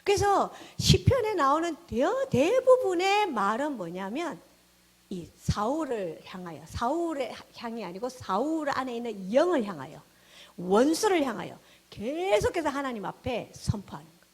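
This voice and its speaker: A woman pastor delivers a sermon with a lively, swooping pitch that often sinks to a near whisper. Her fairly high voice has a husky, breathy edge. She preaches with strong emphasis, her volume rising and falling sharply. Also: moderate pace. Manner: animated preaching, dropping to hushed tones and rising to exclamations.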